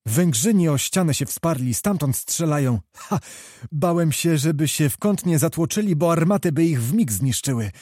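A man voicing a small, fiery male knight who calls out battle news in an excited, breathless way. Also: a little high, normal speed, no room sound, clean studio sound.

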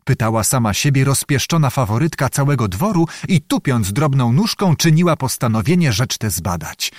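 A man reading an audiobook with expressive, theatrical storytelling. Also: medium pitch, moderate pace, dry recording, studio quality. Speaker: audiobook narrator. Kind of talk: scripted narration.

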